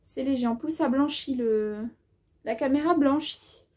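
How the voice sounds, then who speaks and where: High, mellow-voiced woman chatting through a haul. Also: measured pace. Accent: has an accent of her own. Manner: chatty, thinks aloud while measuring fabric; lots of hesitations and filler words. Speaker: sewing vlogger. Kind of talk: casual haul video chat.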